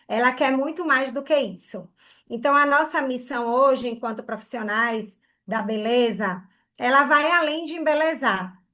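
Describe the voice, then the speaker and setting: Her voice sits high and has a fairly bright tone. She's a Bahian woman from Brazil giving an earnest online class on hair care, frequently tossing in "né?" and "tá?" to check in with listeners.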